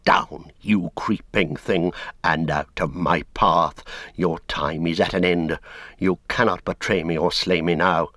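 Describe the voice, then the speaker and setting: A man's voice: lowish voice, fairly even intonation, slow pace, long pauses, clear, resonant tone, no room sound, clean studio sound. A man voicing stern, gasping hobbit Frodo. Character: hobbit Frodo, weary young male ring-bearer, stern.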